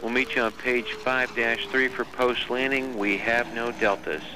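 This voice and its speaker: A man's voice: mid-range voice, fairly even intonation, measured pace. A man working as mission control capcom, giving clipped, procedural callouts over a distant air-to-ground radio loop. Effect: distant noisy air-to-ground radio loop. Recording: hissy, distant radio transmission.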